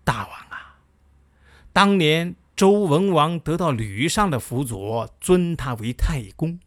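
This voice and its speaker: A man's voice: on the high side, lively intonation, slow pace, fairly bright tone, no echo, clean studio sound. Man doing a frank ancient advisor. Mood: admonishing. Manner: pointed, admonishing.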